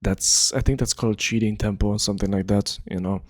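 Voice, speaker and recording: A man with a lowish voice talks through a game strategy idea in a loose, easygoing way, drifting into asides and leaning on lots of fillers. The sound is dry and close, with no room around him. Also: fairly even intonation, fairly quick, dry recording. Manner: laid-back, rambling, many fillers. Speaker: gaming video creator. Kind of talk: casual explainer monologue.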